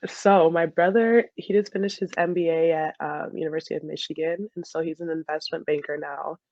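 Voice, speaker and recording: Speaking a little fast with a steady, darkish tone, this twenty-something woman sits low in pitch. She's an interview guest who studies dentistry and plays soccer, chatting informally on slightly muffled audio with no room sound.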